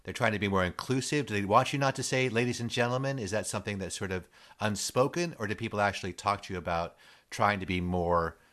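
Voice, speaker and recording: A man's voice: on the low side, quick pace, a bit bright. A man interviewing a performer, asking long, hedging questions in a casual way.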